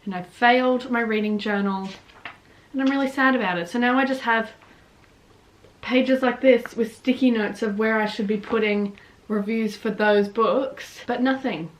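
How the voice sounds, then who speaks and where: A woman's voice: on the high side, steady tone, moderate pace, echoey room, far from the mic, poor audio. A young woman chatting casually in a vlog, bubbly and gushing, full of "like" and "oh my gosh.". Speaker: book vlogger. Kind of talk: casual chat.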